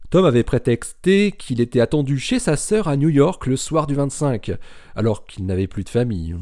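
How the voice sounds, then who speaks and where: A man reading a novel aloud in a steady, measured narration. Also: mid-range voice.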